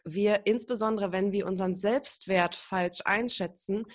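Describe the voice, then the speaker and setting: Nachdenkliche Frau, viele Füllwörter. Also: female voice, mid-range voice, steady tone, measured pace. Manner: thoughtful, hedging, many fillers. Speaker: coach, podcast guest. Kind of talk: explaining in an interview.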